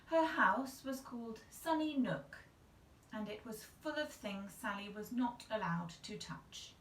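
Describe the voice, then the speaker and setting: A woman in her thirties reads a children's story aloud like a storyteller, her voice fairly high, expressive, a bit bright, and a little slow. She's in a small indoor bathroom that looks tiled, with the camera a couple of metres away, so the sound is echoey and distant.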